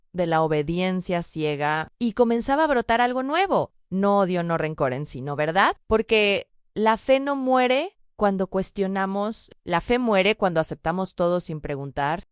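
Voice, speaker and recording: A woman narrating a first-person testimony in a solemn, measured storytelling voice, sometimes turning to address the listener directly. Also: fairly low pitch, clear, resonant tone, dry recording, studio quality.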